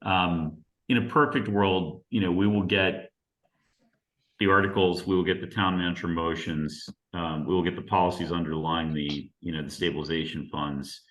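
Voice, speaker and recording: A man chairing a town committee meeting, halting and procedural, with many fillers. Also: sits low, a bit bright, roomy sound.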